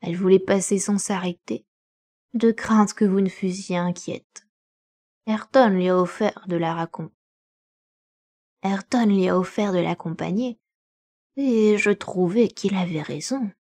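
A woman voicing a kindly, calm farm servant woman in a gentle, soothing manner, read in an audiobook. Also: mid-range voice, a little slow, long pauses. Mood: placating.

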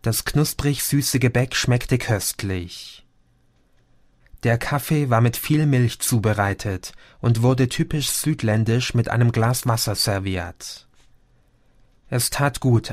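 A man narrates an audiobook in a calm, measured way, his voice sitting in an ordinary middle register. The recording is dry and close, with no room echo at all. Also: medium pitch. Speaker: audiobook reader. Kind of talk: scripted narration.

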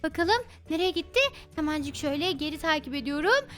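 A woman gaming YouTuber giving excitable, plotting role-play commentary over a game, talking straight to her viewers. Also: high voice, quick pace, faint music behind. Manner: plotting, mock-indignant storytelling.

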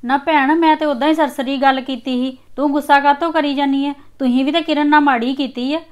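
A woman's voice: high-pitched, steady tone, brisk, close to an everyday voice. An actress playing a visiting woman who needles her host with taunts.

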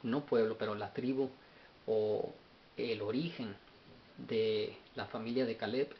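A man's voice: lowish voice, steady tone, measured pace. A man giving an unscripted Bible study lesson, often stopping and repeating words as he searches his notes. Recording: dull lo-fi sound with faint hiss.

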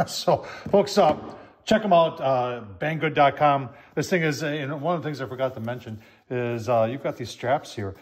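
At a moderate pace and in a mid-range voice, an older man chats casually in his home kitchen. He reviews a product folksily, calls his viewers "folks," and keeps his phone camera close at hand.

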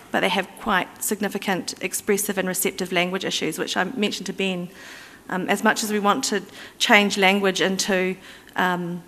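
A woman's voice: on the low side, fairly bright tone, slight background noise. Woman lecturing in a reverberant hall. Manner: explanatory, conversational, with fillers and restarts. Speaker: conference speaker. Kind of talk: conference presentation. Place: conference hall.

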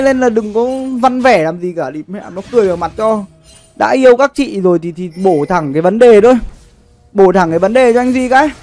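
A young man chatting casually on a gaming livestream, slangy and sweary, often repeating his phrases. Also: very high-pitched. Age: young adult. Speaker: livestream gamer. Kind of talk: casual livestream chat with game commentary. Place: indoor streaming setup.

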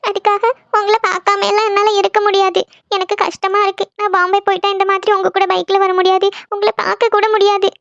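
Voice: extremely high pitch, monotone, fast talker, gravelly, a bit bright, no room sound, highs cut off, exaggerated voice. A voice actor playing a tearful young woman in a cartoon, upset with her boyfriend on the phone. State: crying. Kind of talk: cartoon voice acting.

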